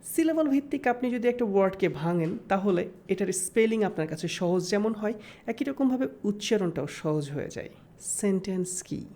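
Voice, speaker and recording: Woman teaching english grammar in a recorded lesson, explains step by step, drags out example words slowly. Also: mid-range voice, lively intonation, mellow. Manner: slows down to sound out example words.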